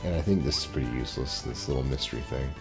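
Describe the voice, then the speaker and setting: A man's voice: a bass voice, racing. A man hosting a game playthrough with casual, offhand commentary. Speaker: gamer host. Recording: game music behind the voice.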